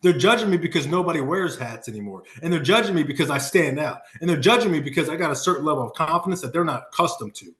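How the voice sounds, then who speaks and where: A man's voice: on the high side, animated, fast, few pauses, fairly bright tone, reverberant. A man giving a motivational sales talk on a video call, emphatic and repeating his key phrases for punch. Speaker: sales coach and Marine.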